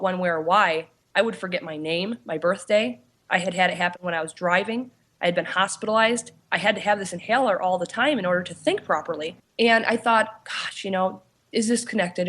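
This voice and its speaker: Her voice is medium-pitched and a bit bright as she, a paranormal investigator who also writes, tells her story casually to an interviewer. "You know" punctuates her pauses, and she often restarts mid-sentence.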